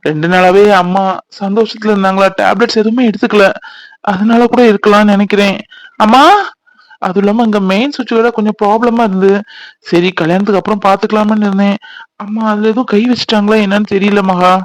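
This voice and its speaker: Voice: mid-range voice, steady tone, quick pace, no room sound, lightly acted, poor audio. A performer voicing a playful young newlywed husband in a cartoon, teasing and bantering but easily flustered. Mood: worried. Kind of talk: cartoon voice acting.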